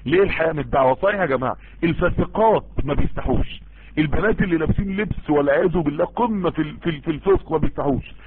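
An Egyptian man preaches and gives advice in a rapid, husky voice. He sounds earnest and emphatic and often repeats phrases for stress. The sound is thin and tinny, like a phone line. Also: mid-range voice. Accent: Egyptian Arabic. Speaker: preacher answering listener messages. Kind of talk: informal Islamic sermon and advice.

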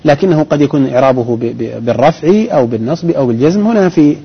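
A man teaching grammar on a call-in program, explaining patiently and methodically with pauses and restarts. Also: fairly high pitch, breathy edge. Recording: dull broadcast audio.

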